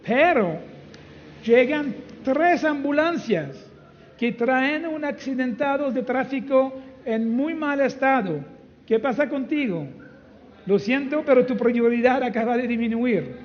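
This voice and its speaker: A man's voice: very high voice, slight background noise. A man, a pastor, giving a conversational sermon in a church hall, teaching with many rhetorical questions. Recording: dull, reverberant hall recording.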